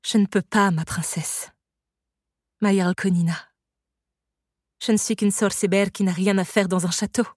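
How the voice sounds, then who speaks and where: A woman voicing a stern, sorrowful sorceress who cares for an orphan girl, speaking calmly and firmly in an audiobook. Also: medium pitch, normal speed, long pauses, no room sound, clean studio sound, lightly acted. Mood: soft. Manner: calm, firm, soft-spoken. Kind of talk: audiobook reading.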